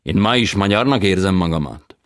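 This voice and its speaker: A man voicing an expatriate male opera tenor who speaks in halting, broken grammar, slowly and emphatically, in an audiobook reading. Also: low-pitched, lively intonation, dry recording, studio quality, pitched above the performer's own voice. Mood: earnest, eager.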